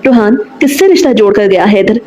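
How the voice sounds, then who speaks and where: A woman's voice: medium pitch, lively intonation, quick pace, warm tone, close to an everyday voice, rough recording. A woman voicing a jealous young woman in a romance audiobook, talking in a pleading, demanding way. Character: jealous young woman office worker, pleading then threatening.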